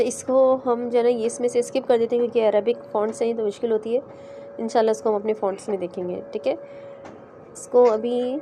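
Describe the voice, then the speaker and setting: A woman teaching Quran recitation in a class, patiently explaining letters step by step and sounding them out slowly. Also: medium pitch, mellow, a little hiss or hum. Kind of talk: online class explaining pronunciation.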